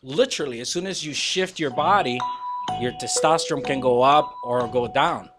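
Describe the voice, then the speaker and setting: A man's voice: mid-range voice, moderate pace, music in the background. A man from Guatemala whose first language is Spanish, speaking confidently and emphatically as a body language teacher guesting on a radio talk show. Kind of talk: casual radio interview.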